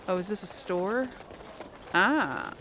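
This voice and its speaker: A woman hosting a gaming video chats and reasons aloud through a casual playthrough, acting out dialogue along the way. Her mid-range voice is expressive with a sharp tone, and she takes it slowly; the recording has a little hiss or hum.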